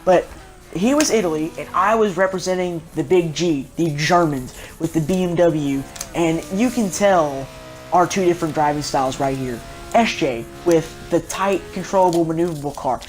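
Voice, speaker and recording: A man's voice: on the high side, moderate pace, faint music behind. A young man, chatting casually and jokily as he reviews a racing game car for his viewers. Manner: rambling, jokey, chatty, talks straight to viewers. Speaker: gaming video host.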